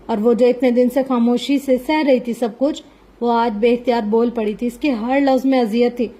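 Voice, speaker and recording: A woman narrating a novel in a dramatic reading. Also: a little high. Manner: dramatic, even-paced reading. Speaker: novel reader.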